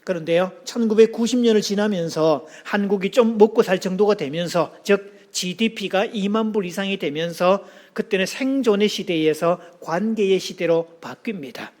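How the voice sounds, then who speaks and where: A man's voice: high voice, normal speed, few pauses, a little mellow. A male pastor giving a sermon, asking the congregation questions and leading them in call-and-response.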